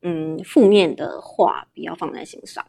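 A young woman speaks with a Taiwanese Mandarin accent in a casual interview. Her voice sits a little low for a woman. She talks in a candid, chatty way as the guest. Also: moderate pace, gravelly, mellow. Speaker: interview guest, livestream shopping host.

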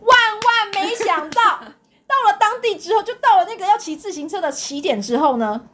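A young woman tells a story in a casual chat. Her voice sits high and swings widely in pitch. She laughs often and acts out what people said. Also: normal speed. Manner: animated, laughs often, acts out quoted dialogue. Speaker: podcast co-host telling her own story.

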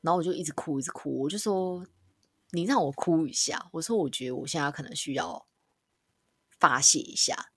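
A woman's voice: deep voice, a little fast, a bit bright, slightly rough, dry recording, studio quality. A woman casually telling a personal story on a podcast. She swears now and then and acts out her own lines as quoted dialogue. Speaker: podcast co-host.

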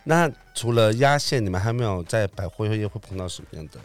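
Lively, playful man hosting a podcast. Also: lowish voice, fairly quick. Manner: playful, prompting questions. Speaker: podcast host. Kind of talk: casual interview chat.

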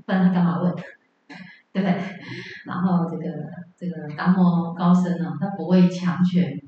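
A woman's voice: on the low side, steady tone, normal speed, slight background noise. A woman teaching Buddhism in a lecture hall, telling stories and asking the audience rhetorical questions. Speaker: dharma teacher. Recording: dull, echoey, from far off.

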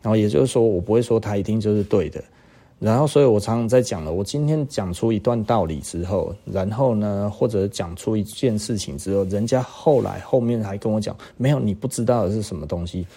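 A man's voice: on the low side, a little fast, mellow. A man with a Taiwanese Mandarin accent hosting a podcast, telling a story in a chatty monologue and often checking with the listener. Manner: chatty storytelling, keeps asking "right?". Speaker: podcast host. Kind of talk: casual monologue.

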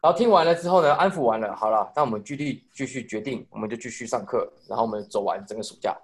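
Fast-talking young Taiwanese man. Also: medium pitch. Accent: Taiwanese Mandarin. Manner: rapid rambling storytelling with swearing and restarts. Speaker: podcast co-host telling a story. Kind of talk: casual chat.

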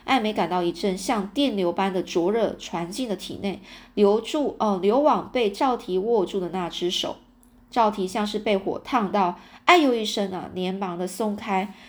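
A woman reading a fantasy novel aloud in a casual, chatty way, sprinkling in little fillers. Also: mid-range voice. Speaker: audiobook reader.

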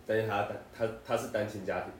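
A low-pitched young man with a Taiwanese Mandarin accent rattles off childhood stories at a brisk clip, laughing as he goes. He sounds set back from the mic in a very echoey room, with a faint hiss underneath. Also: steady tone, far from the mic. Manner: laughs often, storytelling. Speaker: podcast co-host. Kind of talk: casual chat.

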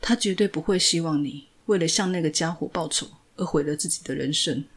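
A woman's voice: deep voice, fairly quick, slightly rough. A woman voicing an anxious young woman who pleads and scolds through tears in a retold drama. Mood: tearful. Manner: pleading then scolding, crying.

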